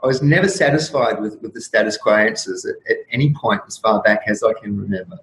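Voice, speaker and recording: A man in his fifties, a guest on an interview show, musing in a rambling, reflective way with frequent restarts and soft laughs. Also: lowish voice, fast. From Australia. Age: 50s. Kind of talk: casual interview talk. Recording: roomy echo with faint room noise.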